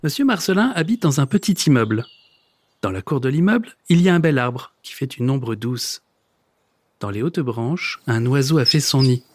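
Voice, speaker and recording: A man narrating a children's story in a lively, expressive reading with playful sound words. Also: medium pitch, moderate pace. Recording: background noise.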